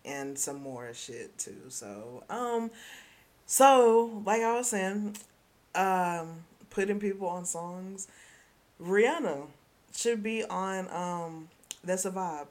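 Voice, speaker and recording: A woman hosting a podcast in casual gossip chat, excitable and rambling, swinging from loud bursts to hushed asides. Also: lowish voice, takes it slowly. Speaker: podcast host.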